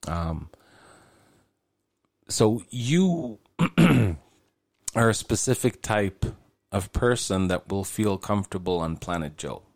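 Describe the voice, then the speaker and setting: Deep, gravelly man in his forties. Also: animated, takes it slowly, long pauses, darkish tone, dry recording, clean studio sound. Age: 40s. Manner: rambling, conversational, swears casually. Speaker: podcast host. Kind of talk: casual solo podcast monologue.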